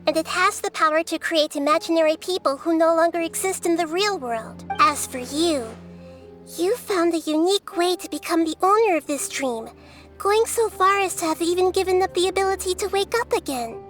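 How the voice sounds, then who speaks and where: An actress voicing a small, childlike goddess of wisdom in a video game, gentle, precise and composed. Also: female voice, extremely high pitch, normal speed, faint music behind. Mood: calm, knowing. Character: small childlike female deity of wisdom, calm, perceptive.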